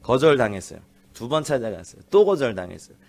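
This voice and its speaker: A man preaching a lively, humorous sermon as a guest pastor in a church, acting out people's lines as he tells stories. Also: medium pitch, quick pace, gravelly. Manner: animated, laughing storyteller, acts out teen voices. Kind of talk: lively sermon with acted quotes. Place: church sanctuary.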